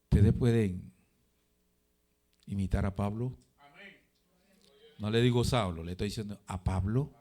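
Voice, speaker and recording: A man's voice: fairly low pitch, unhurried, pauses often, dark tone. A man preaching a sermon in church, asking rhetorical questions, answering them himself and repeating phrases for emphasis.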